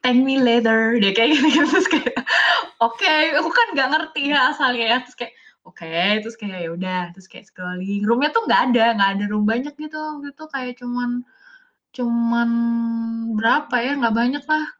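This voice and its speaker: A woman's voice: a little high, a little fast, a bit bright. Chatty rambling woman, lo-fi sound. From Indonesia. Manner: rambling, heavy use of filler words. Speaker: podcast guest. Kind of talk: casual storytelling. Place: living in Germany.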